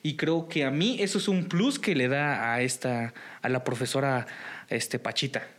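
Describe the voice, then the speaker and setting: A man's voice: medium pitch, moderate pace, a bit bright. A man with a Mexican Spanish accent hosting a casual podcast chat, talking with frequent fillers and restarts. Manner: hesitant, many fillers and restarts. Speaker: podcast host.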